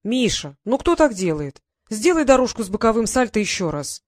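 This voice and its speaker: Woman doing a loud, scolding gym coach. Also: on the high side, big pitch swings, normal speed, voice pushed up.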